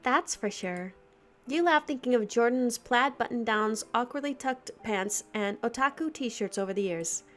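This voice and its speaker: A woman hosting a let's play, reading a visual novel aloud with animated, giggly asides. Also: on the high side, moderate pace, hardly any pauses.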